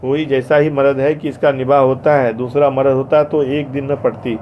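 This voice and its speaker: A man's voice: medium pitch, level tone, moderate pace, slight background noise, natural voice. A man voicing a spiteful, gossipy village shopkeeper woman who jeers, read in a dull lo-fi audiobook recording. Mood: jeering. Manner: jeering, gossipy.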